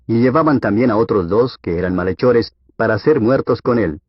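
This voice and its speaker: A man with a low, husky voice reads scripture aloud at a steady, measured pace, as an audiobook. The recording is dry and dull, with a lo-fi edge. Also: no room sound. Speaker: Bible reader.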